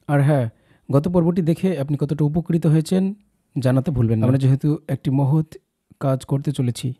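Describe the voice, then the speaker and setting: A young man teaching the Quranic alphabet, encouraging his listeners and drawing out each letter slowly. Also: mid-range voice, mellow. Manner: encouraging, slow drawn-out recitation of letters.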